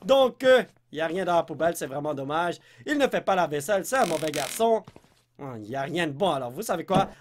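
High, lively Québécois gamer man. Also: quick pace, slight background noise. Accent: Québécois French. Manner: excitable, blurts English exclamations, yelps when startled. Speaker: let's play host. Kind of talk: gameplay commentary.

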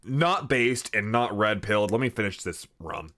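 A man streaming a video game, commenting casually in a joking, swearing, animated way. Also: lowish voice, normal speed.

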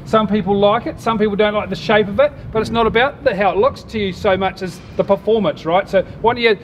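Against clear outdoor noise and vehicle rumble, a middle-aged man speaks. He hosts in a chatty, matey way, using plenty of easy slang. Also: fairly even intonation, fast. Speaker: host and boat owner. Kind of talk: casual chatty interview. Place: outdoors in a yard beside a metal boat.

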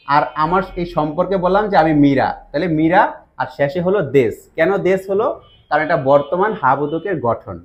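A man's voice: on the high side, muffled recording. Bangladeshi man patiently teaching grammar. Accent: Bangladeshi Bengali. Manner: patient, step-by-step explanation with rhetorical questions. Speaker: Japanese language teacher. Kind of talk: explaining grammar lesson.

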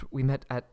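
In an ASMR roleplay audio drama, a man plays a captive young prince who is nervous, submissive and polite, stammering and pleading in fright. His mellow voice is close to an everyday one, with no room sound.

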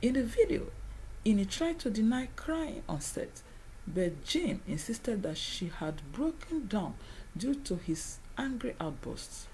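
Woman reading celebrity news, lively pitch. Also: unhurried, a little hiss or hum, rough recording. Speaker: news presenter. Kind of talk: scripted entertainment news narration.

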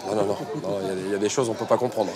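A man in his forties, a restaurant manager, talking briskly while at work in a busy restaurant. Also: on the low side, steady tone, crowd noise. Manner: brisk, switches to simple English with guests. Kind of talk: on-the-job interview.

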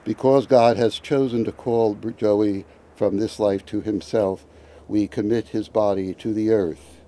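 Low, dark-voiced man leading graveside prayers. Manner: measured liturgical recitation. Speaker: priest.

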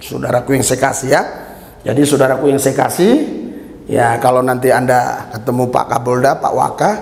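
A man's voice: mid-range voice, fairly even intonation, moderate pace, vocal fry. Fervent male preacher in an echoing hall. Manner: fervent preaching, calling out hallelujahs to the crowd. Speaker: pastor. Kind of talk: sermon. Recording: reverberant hall.

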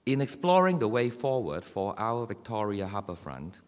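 A man's voice: lowish voice, big pitch swings. A man giving a formal welcome speech as moderator at a podium in a large conference hall. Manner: measured, formal delivery. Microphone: podium microphone. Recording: long hall reverb.

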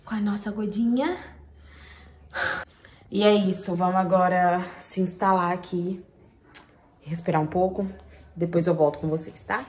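A woman's voice: lowish voice, steady tone, a little slow, pauses often, a little mellow, breathy edge. A tired young woman, a new mother, chatting casually to her viewers in a vlog in a tender, talkative way. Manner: chatty, tender, often says "gente" and "meu Deus".

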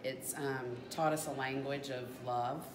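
A woman's voice: extremely low pitch, fairly even intonation, unhurried, reverberant, noisy background. A middle-aged woman chatting reflectively as an interviewed mother. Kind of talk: reflective casual chat. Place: small lamp-lit room.

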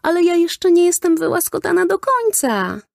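A woman voicing an eager, playful little girl in a children's audiobook, with high, excited exclamations. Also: moderate pace, vocal fry, dry recording, clean studio sound, full character voice. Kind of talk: audiobook character voice.

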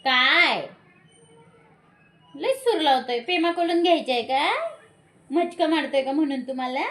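A woman's voice: sits high, expressive, measured pace, a bit bright, soft background music. A woman talking to her pet cat in cooing baby talk, asking it over and over in a sing-song, coaxing way what is wrong. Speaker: cat owner.

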